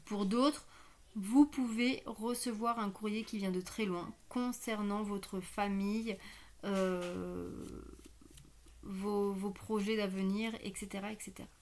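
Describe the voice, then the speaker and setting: A woman's voice: mid-range voice, steady tone, slow pace, a little mellow, slight background noise. A woman with a slight lisp on her s sounds, giving a casual card reading and thinking aloud as she goes, often hesitant. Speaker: online card reader hosting weekend guidance. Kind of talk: casual spoken tarot reading.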